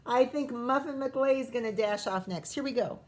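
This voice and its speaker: This teacher, a woman with a slightly high voice, reads a picture book to children expressively. She regularly pauses to ask her young listeners questions.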